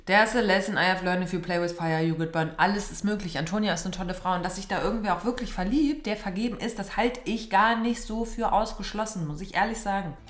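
A woman's voice: fast talker, few pauses. Young female reaction host, casual gushing commentary in a roomy space. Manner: chatty, gushing, swings high when excited. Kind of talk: casual commentary on a reality show. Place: small decorated room indoors.

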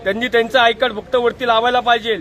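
A man's voice: very high-pitched, flat delivery, very fast, fairly bright tone. A man, a citizen activist, aggressively interrogating officials and repeating his demands while filming on his phone outdoors. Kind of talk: heated street confrontation. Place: outdoors on a busy street. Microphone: phone camera filming live.

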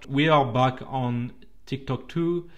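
A man with a French accent, a native French speaker, narrating his own train trip report in a relaxed, chatty way that turns a little halting at times. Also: medium pitch. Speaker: railway vlogger.

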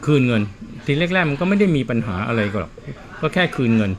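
Faint music plays behind a man who fixes watches and chats as he works, telling stories in plain, casual explanatory talk. He speaks fast at medium pitch with a sing-song lilt.

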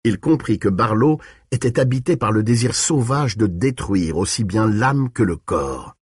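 Husky man with an expressive narrating voice. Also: fairly low pitch, unhurried, dry recording, clean studio sound. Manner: expressive, shifting pace and tone. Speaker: audiobook narrator. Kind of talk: dramatic audiobook narration.

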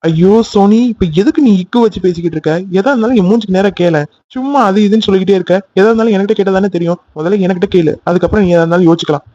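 A man's voice: high voice, very fast, dark tone, lo-fi sound, lightly acted. A man voicing a young man in a cartoon love story, pleading insistently with his angry girlfriend. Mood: arguing. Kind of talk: cartoon voice acting.

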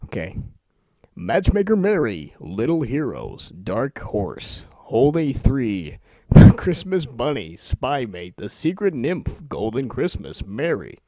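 An amateur man records a homemade voice-over demo, his mellow voice bouncing around in pitch as he jokes and amuses himself informally. He takes it slowly, mixing casual chat with rapid-fire list reading, and the close, dry recording has no echo.

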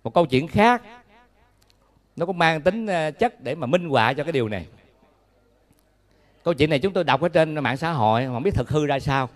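A Buddhist monk with a Southern Vietnamese accent gives a dharma talk, telling folksy, humorous stories. His voice sits somewhat high for a man, and he often turns to ask the listeners questions. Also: expressive, moderate pace, pauses often.

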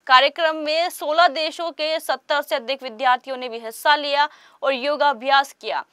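A woman narrating a news report in a formal, even voice-over. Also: high voice, moderate pace, no room sound, clean studio sound.

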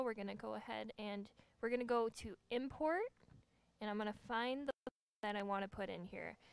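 A young woman co-hosting a workshop, demonstrating software in an easygoing, self-deprecating way with lots of ums. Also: on the high side, clean tone, no room sound. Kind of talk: casual instructional talk.

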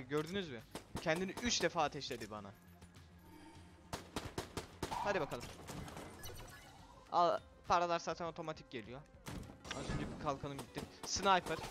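A man casually commentating a video game for viewers, excitable and quick to shout and swear when frustrated. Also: on the high side. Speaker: gaming video host.

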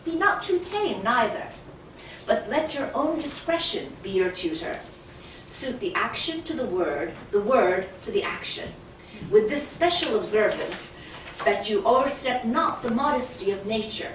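A woman reciting the role of Hamlet, a young prince earnestly coaching actors, in measured, declamatory verse that often drops to a hush. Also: a little high, big pitch swings, a little hiss or hum. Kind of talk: Shakespeare stage recitation. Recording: very echoey room, distant mic.

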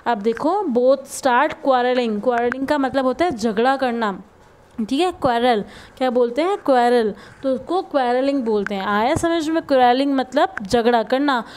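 Slow, high-voiced teacher woman from India. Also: animated, a little mellow. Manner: explains word by word, asks and answers her own questions. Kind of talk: classroom lesson explaining a reading.

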